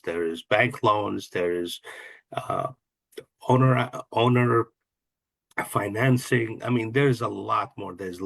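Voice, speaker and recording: A middle-aged Kuwaiti man, a real estate investor and coach appearing as an interview guest, answers earnestly and reflectively, listing ideas and often restarting his sentences. His voice is medium-pitched and a bit bright, with vocal fry and a breathy edge, and there's no echo.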